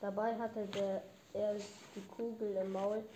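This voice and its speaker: A woman narrating a fairy tale in a calm storytelling manner. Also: mid-range voice, a little slow. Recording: echoey room, faint background noise.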